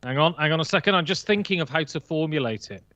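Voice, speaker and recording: Fast and animated, this man speaks with a fairly high, pushed, bright voice and no echo. He's a guest on a board game list show, chatting casually and emphatically about board games with the occasional joke, though the audio is slightly muffled.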